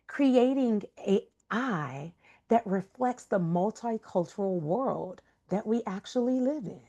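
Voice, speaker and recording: A woman voice coach giving a webinar talk over a video call, emphatic and expressive, sometimes dropping into a soft whisper for emphasis. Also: medium pitch. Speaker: voice coach and guest speaker. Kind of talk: webinar presentation.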